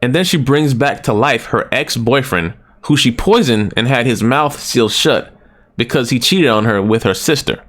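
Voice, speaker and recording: A man's voice: mid-range voice, moderate pace. A man reviewing a movie in a loose, casual way, his voice swinging wildly up and down. He jokes and exclaims and rants at the characters. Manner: animated, joking, exclaiming.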